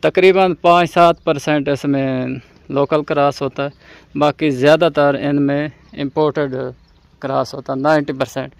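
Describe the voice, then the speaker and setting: A man's voice: fairly high pitch, steady tone, normal speed, creaky, no room sound. A Pakistani man presenting cattle for sale to viewers in a persuasive, sales-like manner. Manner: persuasive, addresses viewers as friends. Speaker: livestock channel presenter. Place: outdoors at a farm.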